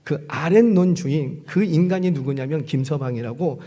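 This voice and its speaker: A middle-aged male pastor preaching a sermon, asking the congregation questions and swinging from loud emphatic lines to hushed near-whispers. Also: fairly high pitch, normal speed. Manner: animated call-and-response preaching, asks the congregation questions.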